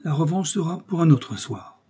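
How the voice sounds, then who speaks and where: A man reading aloud and voicing a composed, confident male police chief who speaks with quiet amusement. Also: a little high, lively intonation, moderate pace, husky, voice pushed up. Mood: calm.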